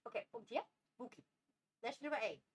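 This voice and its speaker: High playful woman talking to her dog. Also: sing-song, quick pace, background noise. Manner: playful baby talk with frequent laughs. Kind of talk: casual vlog talking to a pet. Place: home with a dog.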